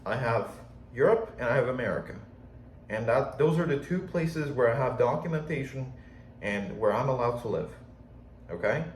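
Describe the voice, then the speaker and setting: In an echoey room with faint ambience and slight hiss or hum, a young man from Poland rambles frankly in his video journal, swearing casually. He has a slight Polish accent and an animated, mid-range voice at normal speed.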